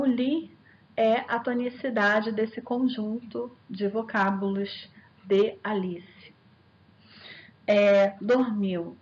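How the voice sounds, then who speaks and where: A woman's voice: a little high, muffled recording, a little hiss or hum. A woman teacher giving a recorded online lecture, explaining step by step, asking herself rhetorical questions and speaking directly to her students. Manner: addresses viewers directly and warmly as students. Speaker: linguistics teacher.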